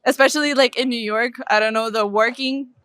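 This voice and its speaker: A woman's voice: on the high side, fairly even intonation, fairly quick, fairly bright tone, smooth, no echo. Chatty young woman from Russia. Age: young adult. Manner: chatty, heavy use of "like", laughs often. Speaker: interviewee. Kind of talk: casual chat. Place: outdoors in a city park.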